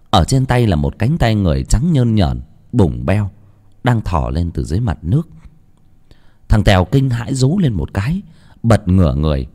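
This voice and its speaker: A man's voice: lowish voice, mellow. A man from Vietnam narrating a scripted horror story in a dramatic, vivid way.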